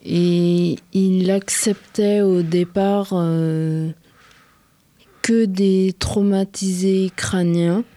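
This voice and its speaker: A woman in her thirties with a western French accent, answering questions in a radio studio with halting speech and many pauses. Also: lowish voice, fairly even intonation, warm tone, dry recording. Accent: French, from western France. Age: 30s. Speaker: interviewee. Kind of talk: radio interview.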